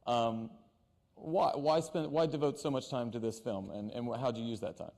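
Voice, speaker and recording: A man's voice: mid-range voice, moderate pace, creaky, darkish tone. A man interviewing actors on stage, asking questions with stammers and restarts. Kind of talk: onstage interview. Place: stage before an audience. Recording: reverberant hall.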